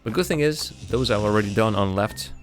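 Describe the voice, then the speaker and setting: A man giving casual, halting game commentary, thinking aloud and poking fun at himself, and speaking as a language. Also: lowish voice. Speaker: host of a game playthrough stream. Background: game music.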